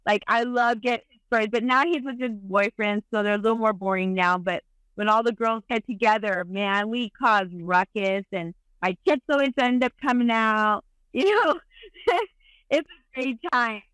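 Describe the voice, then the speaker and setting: A woman's voice: on the high side, normal speed, a bit bright, clear, resonant tone, no echo, poor audio. A woman guest on a podcast, chatting candidly in a rambling, bawdy, giggly way. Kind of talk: candid casual chat.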